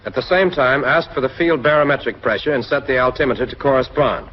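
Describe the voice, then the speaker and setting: Talking fast in a mid-range voice, this American narrator delivers the script of a 1940s military training film, instructing the viewer directly. The old soundtrack sounds muffled and husky, with a little hiss or hum.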